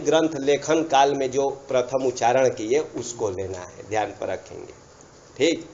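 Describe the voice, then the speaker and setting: A man teaches a grammar lesson in a fairly high voice. He repeats key terms and keeps reminding the listener to pay attention. The recording is dull and lo-fi. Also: warm tone. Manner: repetitive, checks understanding with asides.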